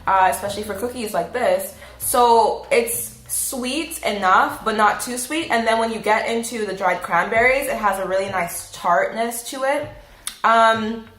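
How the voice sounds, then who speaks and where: A woman's voice: on the high side, unhurried, fairly bright tone. Woman, casual vlog, enthusiastic, chatty, roomy echo. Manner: chatty, enthusiastic, filler-heavy. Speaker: recipe vlogger. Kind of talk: casual taste-test vlog. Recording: roomy echo, faint music behind.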